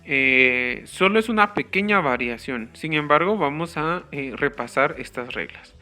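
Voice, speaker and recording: A man explaining grammar rules step by step in a slow, careful teaching manner. His voice is bright and a bit high for a man, and soft guitar music plays in the background. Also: animated. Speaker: English teacher. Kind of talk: grammar lesson.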